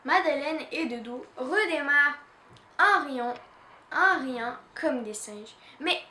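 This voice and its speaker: A woman from Canada reading a children's story aloud in an expressive, measured way. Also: sits high, reverberant. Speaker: reader.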